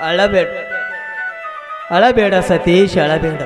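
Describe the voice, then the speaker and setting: An earnest young village doctor speaks in a high, declaiming voice, played by a man. He sometimes sounds far from the mic. Loud live stage music runs underneath. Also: takes it slowly.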